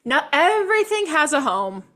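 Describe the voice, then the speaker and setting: A woman's voice: sits high, very animated, moderate pace, sharp tone. A young woman co-hosting a podcast, chatting casually with teasing asides. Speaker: podcast co-host. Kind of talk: casual chat.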